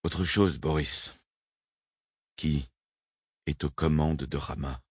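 A man reading the lines of a male spaceship commander who speaks gently, neutrally and carefully. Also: very deep voice, fairly even intonation, slow, breathy edge, dry recording, studio quality, heavily acted. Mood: measured.

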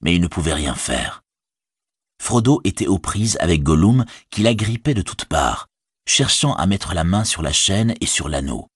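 A man reads a fantasy story aloud in a very deep, husky voice. His intonation rises and falls widely, and the recording is dry and close. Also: no echo. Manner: measured, expressive reading. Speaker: audiobook narrator. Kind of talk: scripted fantasy narration.

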